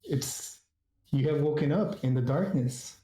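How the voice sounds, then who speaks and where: A man narrating a tabletop role-playing game as game master, halting and repeating phrases as he goes. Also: a little high, mellow. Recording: roomy echo, faint music behind.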